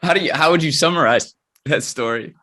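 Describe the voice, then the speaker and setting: A man's voice: on the high side, fairly quick, sharp tone. A man hosting an interview podcast, upbeat, often restarting his questions. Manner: upbeat, stumbles over his questions, laughs easily. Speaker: podcast host.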